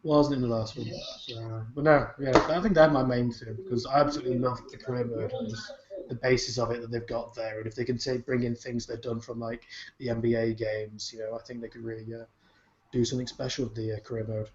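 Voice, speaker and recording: A man's voice: mid-range voice, flat delivery, fast talker. A man co-hosting a podcast, rambling in casual chat with plenty of swearing and fillers. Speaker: podcast co-host. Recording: dull, roomy podcast recording.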